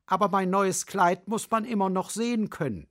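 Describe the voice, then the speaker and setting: A man voicing a vain peacock in a storybook fable, speaking high and fussily. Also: moderate pace, a bit bright.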